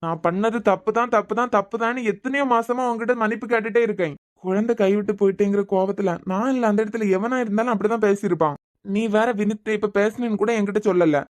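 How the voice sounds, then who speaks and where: A voice actor playing a pleading, remorseful husband. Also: male voice, sits high, fast talker, close to an everyday voice. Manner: pleading, apologetic, firm. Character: remorseful husband, school correspondent. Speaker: husband in a cartoon serial. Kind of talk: cartoon serial voice acting.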